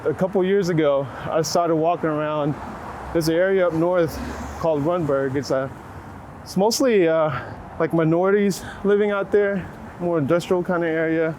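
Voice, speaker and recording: Passing vehicles and urban ambience surround this outdoor city-street interview, with the traffic noise captured clearly. The speaker is an American man from Waco, Texas, a photographer with a fairly high, slightly mellow voice at normal speed. He's reflective and informal, searching for words and hedging with frequent "like."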